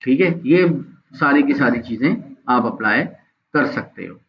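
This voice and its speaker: A man's voice: mid-range voice, animated, a little slow. Guy teaching an online design class, chatty, keeps checking in with students, slightly dull lo-fi sound. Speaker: graphics teacher. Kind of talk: live online software class.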